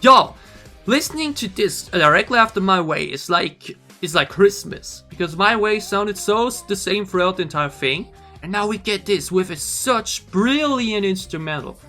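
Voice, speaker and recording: A man reviewing songs in an excited reaction video, talking emphatically with lots of slang while losing his voice a little. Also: high voice, normal speed, faint music behind. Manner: enthusiastic, emphatic, says "y'all" and "freaking" often. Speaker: music reaction YouTuber.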